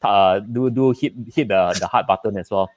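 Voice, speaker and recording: A man's voice: on the low side, normal speed, no room sound. Guy hosting a livestream, casual, dry sound, repeats himself a bit. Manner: repeats and rephrases phrases. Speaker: host. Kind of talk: casual live-session hosting.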